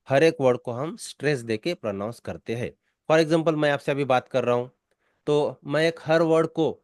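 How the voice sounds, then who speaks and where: A man's voice: a little high, no room sound, clean studio sound. An Indian man teaching spoken English, explaining in a mix of Hindi and English and repeating his key points.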